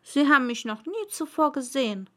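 A woman's voice: high voice, expressive, fairly quick, voice pushed up. A woman voicing a shy, wondering young boy prince in a storybook reading, asking polite questions.

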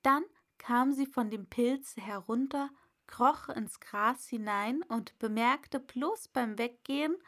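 A woman reading a storybook aloud in a calm, measured way. Her voice sits a little high and she takes her time over every sentence. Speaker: audiobook narrator. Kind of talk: scripted storybook narration.

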